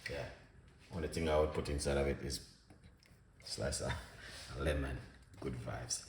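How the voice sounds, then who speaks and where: This casual cooking live stream features a male host whose extremely low, creaky voice stays fairly even and unhurried. Upbeat and talkative, he greets viewers by name and place, while the distant mic picks up an echoey room and background noise.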